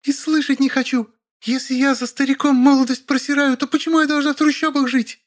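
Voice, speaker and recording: Casting: man doing a shrieking young pregnant wife, voice pushed very high, always on the edge of tears, storybook drama. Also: flat delivery, brisk. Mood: shrieking furious. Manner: screeching, wailing accusations. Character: shrill young pregnant woman, hysterical.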